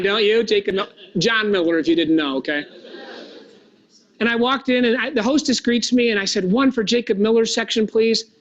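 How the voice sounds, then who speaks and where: A man giving a motivational workshop talk, telling a story with animated delivery and putting questions to the audience. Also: high-pitched, highs cut off. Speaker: workshop speaker.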